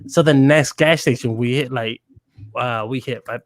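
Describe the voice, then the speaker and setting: A man's voice: mid-range voice, moderate pace, no echo, clean studio sound. A man on a video call telling a story in a laid-back, slangy way, checking in with "right?" as he goes. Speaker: podcast guest. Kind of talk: casual storytelling chat.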